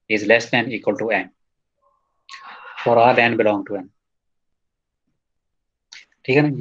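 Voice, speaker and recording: This lecture recording captures a man teaching a math proof: he reads the textbook slowly, then breaks it down in relaxed Hindi mixed with English terminology, often pausing to ask "ठीक है". His voice is on the low side and a bit bright, though the recording is muffled.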